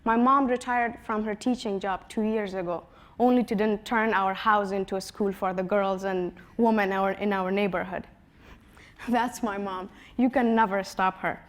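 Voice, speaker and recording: A woman in her twenties from Afghanistan, giving a prepared personal talk in an earnest storytelling manner, her voice dropping softly at the ends of phrases. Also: medium pitch, steady tone, normal speed. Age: 20s. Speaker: conference speaker.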